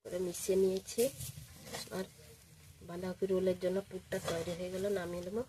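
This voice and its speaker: Hoarse woman narrating cooking steps. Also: lowish voice, a little fast, slight background noise. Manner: calm, plain, repeats each step. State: hoarse from a cold. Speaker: cooking channel host. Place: home kitchen with stove sizzling.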